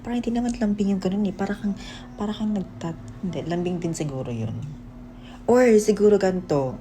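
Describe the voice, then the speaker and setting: A man's voice: high-pitched, a little fast, background noise. A young man chatting casually on a phone livestream. He teases his viewers playfully and often laughs at himself. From Philippines. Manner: playful, teasing, laughs at himself, mixes Tagalog and English.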